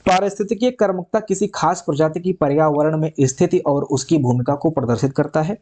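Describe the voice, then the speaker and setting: Man explaining exam lessons, mellow voice. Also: fairly high pitch, fairly quick. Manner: repeats points, checks with "ठीक है". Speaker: exam prep teacher. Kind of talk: online exam lecture.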